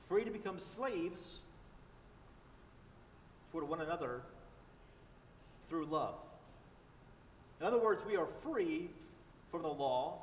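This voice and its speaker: A man's voice: fairly high pitch, distant mic, a little hiss or hum. A man preaching a sermon as pastor, earnest and emphatic, repeating key phrases. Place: large church sanctuary. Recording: echoey church livestream from afar.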